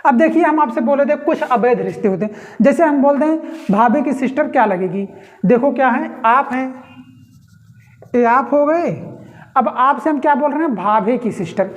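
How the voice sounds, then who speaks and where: A woman teacher giving an exam-prep reasoning lesson, explaining slowly and asking her students rhetorical questions that she answers herself. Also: high-pitched, animated.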